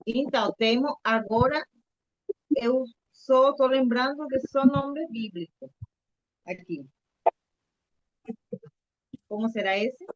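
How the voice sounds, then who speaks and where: A woman's voice: high-pitched, slow pace, long pauses, no echo, highs cut off. A woman teaching a live online Spanish lesson to children, patiently repeating letters and coaxing the kids to answer.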